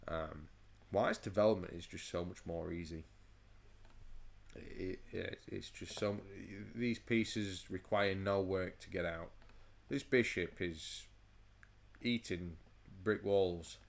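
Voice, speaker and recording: A man with a very deep voice talks through a chess game in a loose, rambling way. His tone is gravelly, with plenty of vocal fry. He stammers and restarts often, sounding overheated and sweaty. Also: slow. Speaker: chess channel host. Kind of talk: casual chess game commentary.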